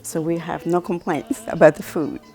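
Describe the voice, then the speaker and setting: A woman's voice: lowish voice, level tone, normal speed, gravelly, mellow, faint music behind. An older woman recalling a strict upbringing in a frank, amused way. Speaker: interviewee. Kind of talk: reminiscing interview.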